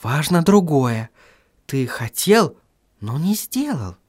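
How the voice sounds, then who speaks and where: A man's voice: on the high side, big pitch swings, takes it slowly, breathy edge, exaggerated voice. A man voicing a firm, insistent young woman who urges and reassures in a storybook reading. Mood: firm calm. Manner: urgent and insistent.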